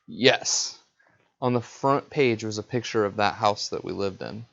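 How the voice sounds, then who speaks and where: Gravelly man with deadpan sarcasm. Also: lowish voice, measured pace. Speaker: podcast co-host. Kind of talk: joking movie riff commentary. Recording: dull lo-fi sound.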